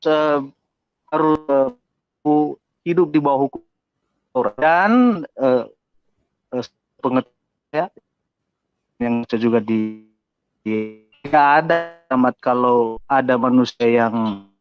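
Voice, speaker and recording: A man's voice: medium pitch, smooth. Man on a robotic, choppy call line. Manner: hesitant, halting, many fillers. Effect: choppy robotic-sounding call connection. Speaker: caller. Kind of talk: call-in discussion. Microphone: phone or computer over an internet call. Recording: muffled lo-fi online call with faint music.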